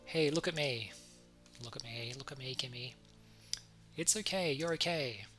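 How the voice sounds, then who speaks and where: A man voicing a gentle, worried male unicorn in a visual novel, speaking softly, haltingly and earnestly. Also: fairly high pitch, expressive, faint music behind.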